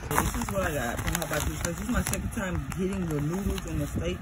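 A young Florida woman vlogs on her phone, held at arm's length, chatting to viewers about her food and her day. Her voice is fairly low and fast, and she's chatty, addressing viewers directly as "y'all." The phone audio is noisy.

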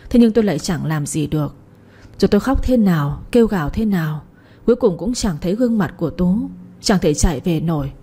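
A woman's voice: fairly low pitch, animated, fast, dark tone, slightly rough. A woman narrating a first-person audiobook story in a heartfelt, sorrowful way.

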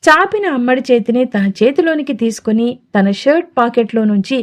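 A woman storyteller narrating a romantic audio story in a smooth, measured way. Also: on the high side, animated.

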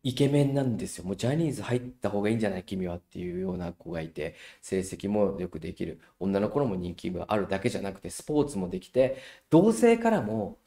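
A middle-aged man giving a lively parenting lecture, telling anecdotes and acting out children's voices. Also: deep voice, fast, few pauses. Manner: animated storyteller who acts out children's voices.

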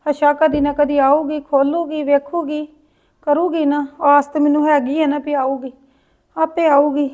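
A woman's voice: high voice, little pitch movement, a little slow, a little mellow. A woman playing a lonely old grandmother, lamenting. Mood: lonely muttering. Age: older. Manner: sighing, lamenting, talks to herself. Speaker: grandmother in a short film. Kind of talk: village drama acting.

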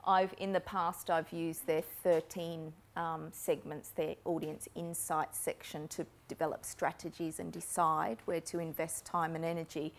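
A woman in her forties presents at a conference as a marketing keynote speaker, speaking on a lapel mic in a lecture room with a projector screen. Her low voice is flat, measured, and touched with vocal fry, and she explains steadily with few pauses but frequent ums.

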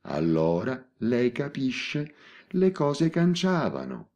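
A man reading an audiobook voices an elderly spinster in her eighties who calmly and matter-of-factly confesses. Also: mid-range voice, takes it slowly, muffled recording, pitched above the performer's own voice. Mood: recounting. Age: 80s. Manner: composed, matter-of-fact confession. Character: elderly spinster woman, calm and unrepentant.

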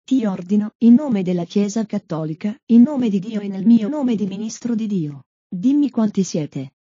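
A woman's voice: mid-range voice, animated, mellow, slightly rough, no room sound. A woman reading a stern exorcist priest. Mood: commanding. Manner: slow, solemn commands. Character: stern male exorcist priest commanding a demon. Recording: dull lo-fi dry recording.

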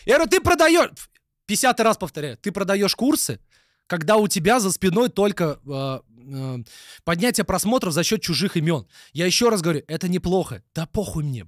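A man's voice: high-pitched, no room sound, studio quality. A man streaming live, ranting and mocking with constant swearing. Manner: heavy swearing, mocking, ranty. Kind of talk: live stream reaction rant.

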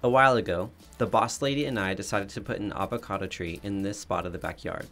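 Speaking quickly in a lowish voice, a man gives a matter-of-fact voice-over about renovating his backyard. He's a DIY home renovation vlogger, and the narration wasn't recorded in the pictured yard. Soft music sits in the background.

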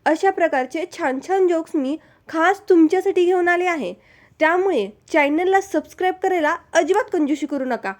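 A woman reading out a string of jokes slowly and cheerfully, dropping her voice low when she speaks for the grandparents. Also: animated. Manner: slow, cheerful storytelling, lowering her voice for the grandparents. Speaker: joke narrator. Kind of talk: read-aloud jokes with character voices.

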